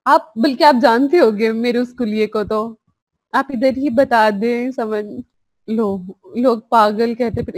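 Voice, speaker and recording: A woman's voice: high voice, dry recording. A woman, a clinical psychologist giving a live online course in a chatty, casual way, dropping in English phrases. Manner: chatty and warm, mixing in English phrases, reading out chats.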